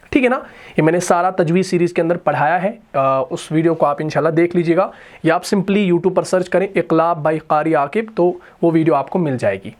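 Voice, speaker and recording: A man teaching Quranic Arabic grammar in a recorded lesson, who explains step by step and often checks that his students follow. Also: sits high. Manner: intones Quranic verses in a slow chant.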